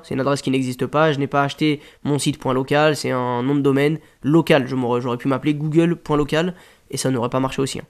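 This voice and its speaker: A man with a French accent talking casually through a software tutorial, full of fillers and restarts. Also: a little high. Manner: casual, rambling explanations with frequent fillers. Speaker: WordPress tutorial host. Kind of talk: screen-share tutorial.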